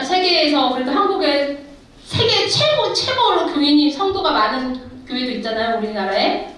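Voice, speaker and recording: A woman's voice: sits high, fairly bright tone, a little hiss or hum. A middle-aged woman missionary giving an emphatic testimony sermon in a church, exhorting the congregation directly. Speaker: missionary preacher. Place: church sanctuary. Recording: echoey hall, far from the mic.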